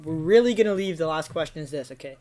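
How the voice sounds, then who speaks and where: A young man hosting a casual podcast from a small studio, reading out listener questions in a relaxed way. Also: a little high, fast talker, a little hiss or hum. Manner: laid-back, reads out listener questions. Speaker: podcast host. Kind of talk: casual chat.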